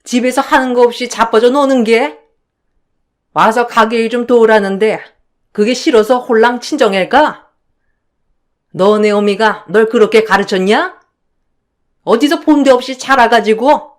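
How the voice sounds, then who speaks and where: A woman's voice: a little high, unhurried, pauses often, close to an everyday voice. A woman voicing an older mother-in-law who scolds and rants, in a radio drama. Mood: scolding. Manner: scolding, shouting, self-pitying sighs.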